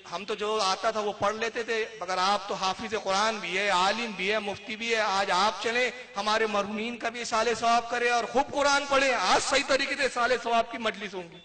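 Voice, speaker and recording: A man preaching a scornful sermon, telling a story and building to heated shouts. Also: sits high, fairly even intonation, few pauses. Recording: long hall reverb.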